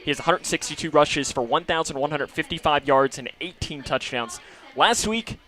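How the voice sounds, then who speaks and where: A man hosting a pregame high school football radio show, reeling off player stats and trading remarks with his co-host. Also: bright, forceful tone. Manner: reads off stats quickly, banters with co-host. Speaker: radio play-by-play announcer.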